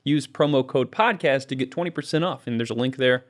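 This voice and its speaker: A man's voice: medium pitch, brisk. A man in his thirties hosting a comedy podcast, joking around and reading promos. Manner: upbeat, joking, reads ad copy. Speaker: podcast host. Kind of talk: casual comedy podcast chat.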